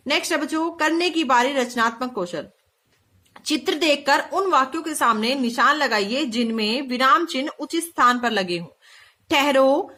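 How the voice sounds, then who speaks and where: Bright, high-voiced woman teacher. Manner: slow, clear reading of example sentences, asking the children questions. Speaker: school teacher. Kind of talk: recorded video lesson for children.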